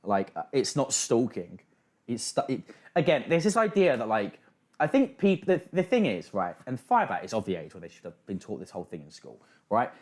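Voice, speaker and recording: A man's voice: mid-range voice, huge pitch swings, a little fast, a little mellow. Sardonic, sweary man livestreaming. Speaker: livestream host. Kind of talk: casual reaction commentary.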